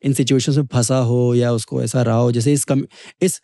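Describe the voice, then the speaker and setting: In studio-quality audio with no room sound, a young man from Kanpur, India, speaks in a mid-range voice at normal speed. He's an MMA fighter appearing as a guest in a relaxed chat, animatedly telling a story and voicing the lines of the people in it.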